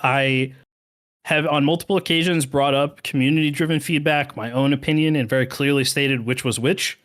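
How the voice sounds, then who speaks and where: A man's voice: medium pitch, steady tone, normal speed, fairly bright tone. A man who was a creator manager, ranting heatedly with plenty of swearing on a podcast. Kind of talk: podcast chat.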